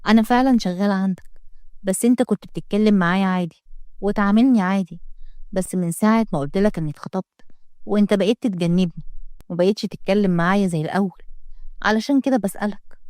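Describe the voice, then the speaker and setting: A woman's voice: medium pitch, quick pace, pauses often, warm tone, no echo, clean studio sound, natural voice. A woman voicing a spirited young working woman with an Egyptian accent, questioning indignantly in a story reading. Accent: Egyptian Arabic. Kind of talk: storytelling read-aloud.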